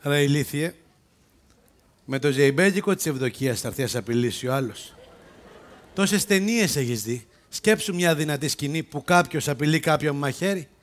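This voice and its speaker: A man's voice: fairly high pitch, lightly acted. An actor playing a bossy police self-defence instructor in a live stage comedy sketch, mocking and scolding his fellow players. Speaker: comic actor and sketch lead. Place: open-air theatre stage.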